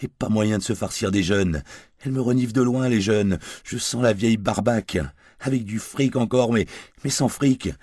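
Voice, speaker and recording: A man's voice: on the low side, normal speed, darkish tone, slightly rough, dry recording, clean studio sound, voice pushed up. A man reading the part of a tipsy, crude, washed-up gigolo who rambles in coarse slang and whines. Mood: self-pitying. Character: washed-up male gigolo, crude, drunk, self-pitying.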